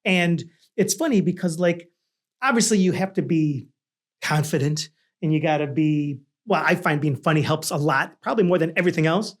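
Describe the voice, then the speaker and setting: Male talk host, notably high voice, loose conversational delivery, rambles and jokes. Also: moderate pace. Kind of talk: casual chat interview.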